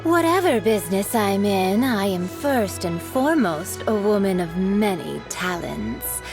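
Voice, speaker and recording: In game voice acting, a woman with a mid-range voice and lively intonation plays a perfume shop owner and tailor, a coy, playful shopkeeper given to drawn-out teasing. The dialogue sits over clear music.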